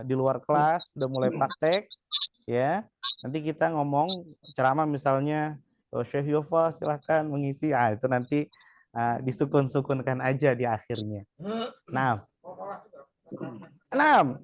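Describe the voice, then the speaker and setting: Relaxed male Arabic teacher explaining. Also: medium pitch, dry recording. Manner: explanatory, relaxed, frequent fillers and checks. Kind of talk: classroom lesson.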